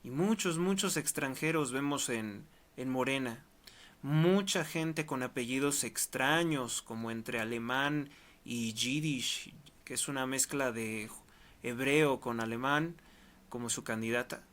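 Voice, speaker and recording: A man's voice: medium pitch, a little slow, fairly bright tone. A man from Mexico, delivering an emphatic political commentary monologue in short, repeated clauses. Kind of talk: monologue to camera.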